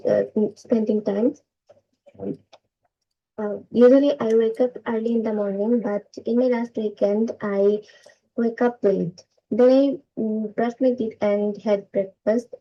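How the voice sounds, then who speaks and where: Slow, hesitant woman with a Bengali accent, muffled audio. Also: mid-range voice. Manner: careful, hesitant, with many uh fillers. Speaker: student. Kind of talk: practiced spoken presentation. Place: online video class.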